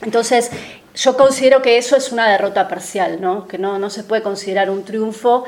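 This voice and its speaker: A woman from Argentina, giving a political talk to an audience. She speaks analytically and measuredly, pausing often with hesitation fillers. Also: mid-range voice.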